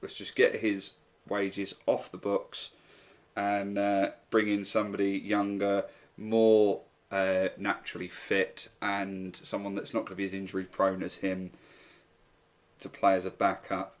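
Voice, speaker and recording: A man narrating a football management video game, calmly going through his team's signings in a steady, matter-of-fact way. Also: low voice, measured pace. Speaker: gaming YouTuber. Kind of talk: game commentary walkthrough.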